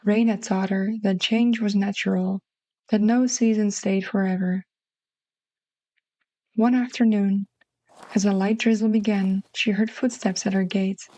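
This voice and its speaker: A woman with a Dutch accent narrating a literary short story in a soft, mellow voice. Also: medium pitch, steady tone, unhurried, pauses often, dry recording, rough recording.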